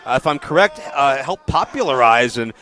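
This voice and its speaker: A man's voice: medium pitch, animated, brisk, bright, forceful tone. A man calling a lucha libre match as a play-by-play wrestling announcer.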